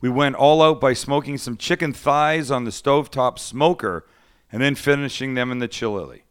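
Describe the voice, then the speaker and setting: A man's voice: mid-range voice, normal speed, clean tone. A middle-aged man hosting a podcast, chatting casually in a rambling, joking, teasing way. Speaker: podcast host. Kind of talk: casual chat.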